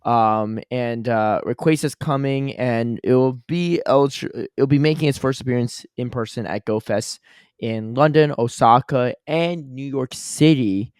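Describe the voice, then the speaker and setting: A man's voice: mid-range voice, a little slow, darkish tone, clean tone, dry recording, studio quality. A man co-hosting a podcast in casual chat, upbeat and talkative, giving long explanations. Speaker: podcast co-host.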